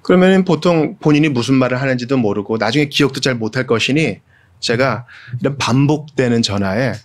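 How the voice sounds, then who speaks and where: A man preaching a sermon as pastor, speaking earnestly and directly to his congregation, moving from hushed low tones to raised, emphatic pleading. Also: brisk.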